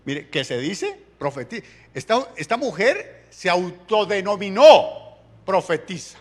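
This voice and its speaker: A pastor, preaching a sermon in a colloquial, jokey storytelling way. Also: male voice, high voice, very animated, measured pace.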